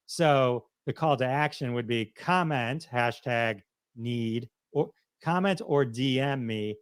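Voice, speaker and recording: A man's voice: medium pitch, dry recording. Rambling man explaining casually, dry sound. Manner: rambling, self-correcting, laughs easily. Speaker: podcast guest, software founder.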